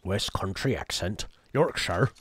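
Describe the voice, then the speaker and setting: A man's voice: sits low, animated, measured pace, breathy edge. A man chatting casually while streaming a game, rambling and joking between plays. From outside the UK. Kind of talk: casual gameplay commentary.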